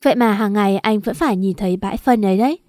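A woman's voice: medium pitch, very fast, darkish tone, no room sound, studio quality, natural voice. A woman voicing a mocking, arrogant married man who taunts his wife. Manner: sneering, taunting.

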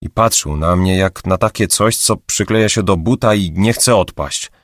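A man's voice: deep voice, normal speed, no room sound, studio quality. A man voicing a chatty, anxious young female receptionist who gossips with a raised voice, for an audiobook. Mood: aggrieved. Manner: raised gossipy voice, later hushed whispering.

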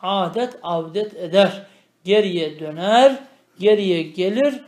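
Man teaching a slow, drawn-out grammar lesson. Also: high voice, darkish tone, roomy sound. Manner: reads Arabic phrases slowly, then explains them, often asking the student questions. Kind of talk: traditional religious lesson, explaining a text line by line.

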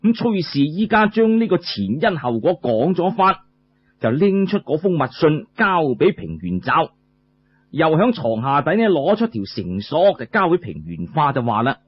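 Speaking at a moderate pace, a male storyteller with a Cantonese accent recounts a traditional tale in casual, phrase-by-phrase narration. His higher voice has a breathy edge and swings widely in pitch, captured on a muffled lo-fi recording.

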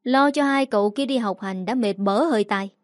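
A woman's voice: fairly high pitch, normal speed, no echo, clean studio sound, natural voice. A woman voicing a scolding, sarcastic middle-aged mother-in-law in a read story. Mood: scornful.

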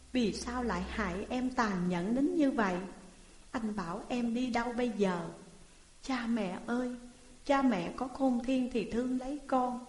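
Brief: woman narrator doing a sorrowful young boy, lamenting, highish voice, echo. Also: a little mellow, natural voice. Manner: lamenting, plaintive. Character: mistreated thirteen-year-old boy, sorrowful. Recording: echoey reverberant room.

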